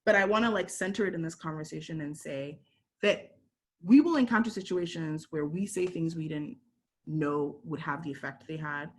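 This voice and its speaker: A woman's voice: deep voice, normal speed. A young woman speaking earnestly and reflectively as a panelist, with frequent casual fillers. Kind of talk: panel talk on identity.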